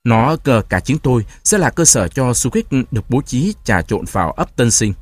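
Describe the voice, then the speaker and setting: A man voicing an old, wounded herbal healer who speaks calmly and restrained. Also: medium pitch, moderate pace, no room sound. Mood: grave. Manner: calm, restrained.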